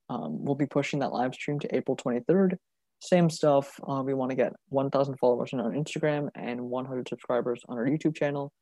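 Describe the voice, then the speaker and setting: Mellow easygoing young podcast host. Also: male voice, mid-range voice, gravelly, dry recording. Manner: easygoing, announces plans to listeners. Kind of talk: casual podcast chat.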